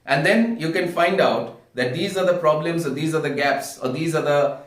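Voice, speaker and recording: Speaking in a fairly high pitch, an Indian-accented man delivers an instructional public speaking lesson, deliberate and sincere, with phrases repeated to drive points home. He's captured by a far-off mic in a reverberant room.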